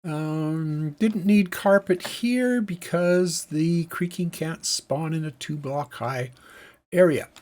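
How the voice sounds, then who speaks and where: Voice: medium pitch, slow, a little mellow. A let's-play host giving casual gameplay commentary, musing aloud and thinking through each task step by step.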